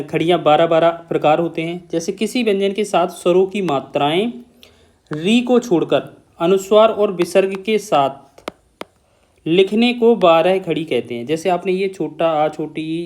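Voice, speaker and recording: A man's voice: high voice, normal speed, darkish tone. A man teaching an exam-prep lesson on Hindi grammar, explaining step by step, repeating key points and checking in with the listener.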